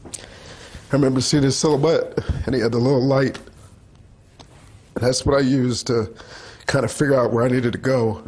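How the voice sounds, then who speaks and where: A survivor recalling his escape in an interview, speaking slowly, quietly and reflectively. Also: medium pitch, fairly even intonation, a little hiss or hum. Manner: slow, quiet, reflective speech. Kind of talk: interview recollection.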